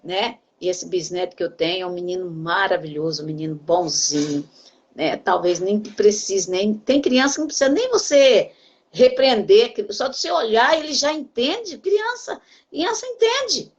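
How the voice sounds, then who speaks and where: An older woman with a Brazilian Portuguese accent preaches as a pastor, earnest and direct, speaking straight to her listeners as brother. Her voice sits at an ordinary middle pitch for a woman. The recording has a dull, muffled, lo-fi sound. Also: lively intonation, normal speed, slightly rough. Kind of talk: sermon on a broadcast program.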